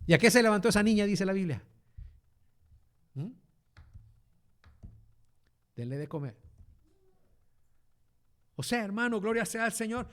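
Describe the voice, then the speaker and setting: A man's voice: lively intonation, measured pace, pauses often. A male pastor preaching a sermon, dropping in asides of "amén" and "hermano" and putting rhetorical questions to the congregation. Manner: swings between loud emphasis and soft low phrases.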